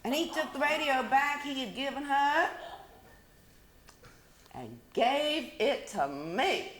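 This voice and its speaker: A woman narrating a story aloud in an aggrieved, expressive manner. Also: sits high, slow pace. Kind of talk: dramatic story reading. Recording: roomy echo.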